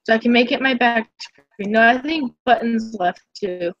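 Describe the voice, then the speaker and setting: A young woman chatting casually on a live stream about her artwork, giggly and full of quick asides. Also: on the high side, a bit bright, no echo. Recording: muffled lo-fi mic.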